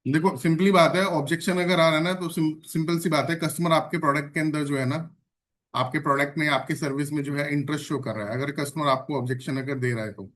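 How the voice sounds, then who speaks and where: A man whose voice is on the high side talks fast while running an online sales training session. Energetic throughout, he repeats phrases and poses questions to his trainees.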